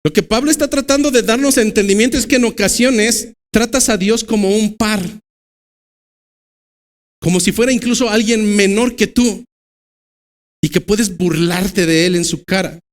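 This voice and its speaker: A man with a Mexican Spanish accent preaching a sermon as pastor of a church, swinging between loud emphatic bursts and low, slow stresses.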